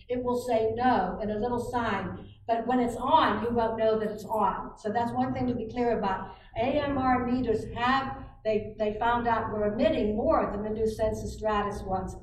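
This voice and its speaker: A woman's voice: a little high, background noise. A woman in the audience making earnest, detailed remarks at a public meeting. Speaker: audience member making comments. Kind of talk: comment from the floor. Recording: echoey hall, distant from the mic, with crowd.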